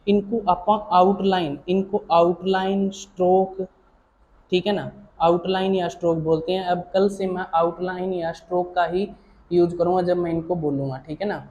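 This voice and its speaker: A male shorthand teacher talks through his lesson in a mellow, soft-edged voice at a middling pitch. He is patient and repetitive, often pausing to check that his students are following. He fondly calls them child or dear, and a faint hiss of noise sits beneath him. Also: fairly even intonation, muffled recording. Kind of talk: explaining a lesson.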